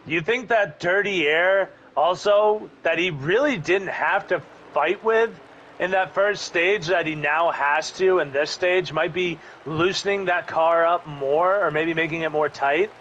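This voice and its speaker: Bright, high-voiced man calling a race. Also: unhurried. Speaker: race commentator. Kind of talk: live play-by-play sim racing commentary. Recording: dull lo-fi audio with faint background noise.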